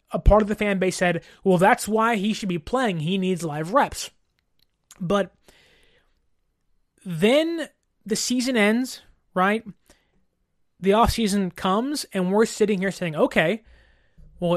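Casting: sports commentator, mid-pitched voice, casual and conversational solo talk with rhetorical check-ins, dry close mic. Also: dry recording. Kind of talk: casual football commentary monologue.

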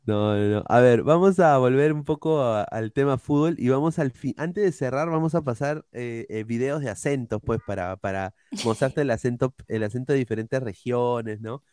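A man's voice: medium pitch, normal speed, hardly any pauses, darkish tone, clear, resonant tone, dry recording, studio quality. A man hosting a casual podcast, rambling with lots of fillers and tag questions. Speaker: podcast host.

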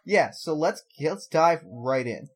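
A man's voice: fairly high pitch, expressive, takes it slowly, husky. A man co-hosting a podcast, chatting casually and playfully as he explains a game. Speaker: podcast co-host.

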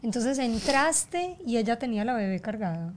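Woman host chatting, asks lots of follow-ups, reacts out loud a lot. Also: a little high, expressive, moderate pace, a little hiss or hum. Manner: warmly probing, reacts with exclamations. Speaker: podcast host. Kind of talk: conversational interview.

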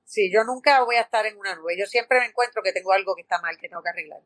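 Speaking at a quick pace in a mid-range voice, a Puerto Rican woman who acts shares lively anecdotes as a guest in a casual interview. Her Puerto Rican Spanish accent comes through amid many fillers and restarts, and there's no room sound.

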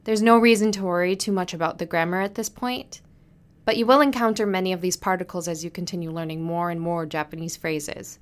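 The host, a woman whose voice sits on the low side and stays steady, gives a podcast lesson on Japanese business etiquette. She teaches in a clear, warm manner and enunciates the Japanese expressions slowly.

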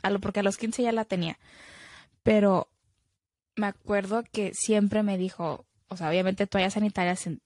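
Young woman, podcast co-host; loose, chatty, drops English lines, mid pitch, dry read. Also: fairly even intonation, moderate pace, darkish tone, no room sound. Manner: chatty, mixes in English phrases. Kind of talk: casual chat.

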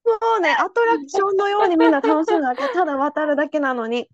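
High-voiced young woman telling lively stories. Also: quick pace, no echo, highs cut off. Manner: animated storyteller, acts out quotes. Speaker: podcast host. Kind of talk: casual chat.

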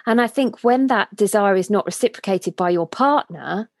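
A woman in her thirties co-hosts a podcast in a mid-range voice at a moderate pace, slightly mellow. She talks casually, heartfelt and reflective, with many restarts and trailing phrases. The recording is clean studio sound with no room sound.

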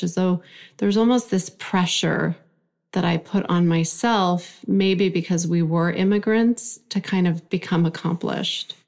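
Speaking in a somewhat mellow voice on the low side, an Iranian woman in her forties, a native Farsi speaker, is the guest in a conversational interview. She looks back on her life story in a reflective way.

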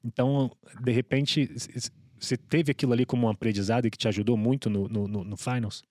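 A man's voice: mid-range voice, fairly even intonation, fast, darkish tone, dry recording, clean studio sound. A Brazilian man interviewing casually, informal and often repeating words as he works toward his point. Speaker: podcast interviewer.

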